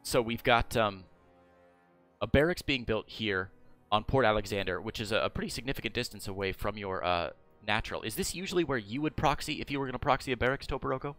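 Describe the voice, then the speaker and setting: A man's voice: lowish voice, fast, a bit bright, faint music behind. American man casting game replays. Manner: asks questions, many fillers. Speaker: caster and coach. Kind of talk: casual game analysis commentary.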